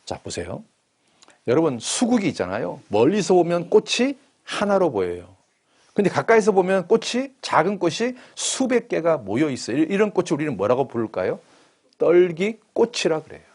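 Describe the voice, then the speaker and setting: A male preacher delivering a sermon in church. His voice is husky and a little breathy, and his pitch moves widely, rising for emphasis and falling back down. He keeps asking the congregation questions and then answers them himself. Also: moderate pace. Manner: animated, asks the congregation questions.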